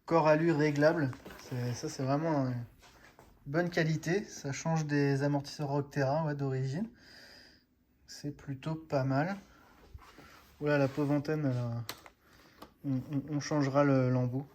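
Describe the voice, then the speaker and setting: A man's voice: fairly high pitch, steady tone, unhurried, long pauses, a little mellow, slight background noise. A man hosting a casual product unboxing for a hobby shop, chatty and full of hesitant fillers.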